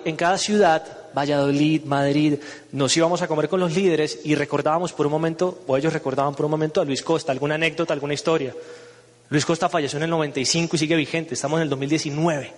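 A man giving a humorous, emphatic motivational speech that rises to loud, intense passages. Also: on the high side. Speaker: motivational speaker. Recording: reverberant hall with faint music.

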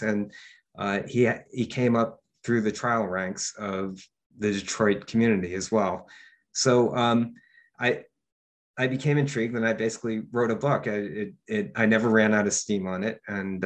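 Hesitant low-voiced man, filler-heavy. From upstate New York. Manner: hesitant, many fillers and restarts. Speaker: author and lawyer, guest. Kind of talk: interview answers.

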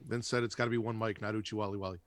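A man's voice: fairly low pitch, flat delivery, very fast. A man bantering casually as a podcast host, with a wry, teasing manner.

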